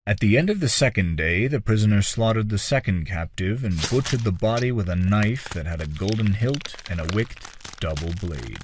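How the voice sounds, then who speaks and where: In a lowish voice, a man narrates a dark fantasy tale audiobook-style, with deliberate pauses and trailing phrases that keep it measured and dramatic. There's a little hiss or hum in the audio.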